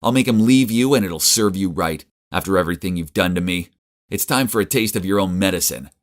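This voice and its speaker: A man's voice: sing-song, fairly quick. A man voicing a scheming young woman who sneers at her brother, then pleads. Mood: mean, taunting. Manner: sneering, high-strung.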